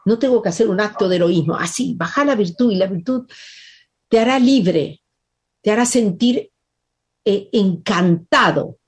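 A woman's voice: medium pitch, moderate pace, slightly rough. A woman giving a spiritual talk, emphatic and dwelling on repeated words. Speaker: spiritual teacher.

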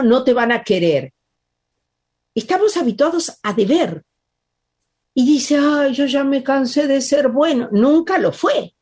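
A woman gives a spiritual talk in a husky, breathy voice. Her pitch swings widely as she stresses and repeats key words, pausing on them to let them land. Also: darkish tone. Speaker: spiritual teacher.

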